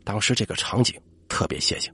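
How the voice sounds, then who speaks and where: A man hosting a late-night podcast, telling listener-submitted ghost stories and dropping his voice low for the eerie moments. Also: fast, soft background music. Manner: lively storyteller voice, drops low for eerie moments. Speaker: podcast host.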